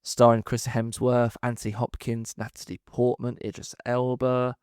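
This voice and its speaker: A man's voice: mid-range voice, completely flat delivery, moderate pace, darkish tone, clean tone, no room sound, clean studio sound. A man hosting a casual quiz chat, who says th as f and often restarts his words. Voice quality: th-fronting, says th as f. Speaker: host of a film ranking quiz podcast.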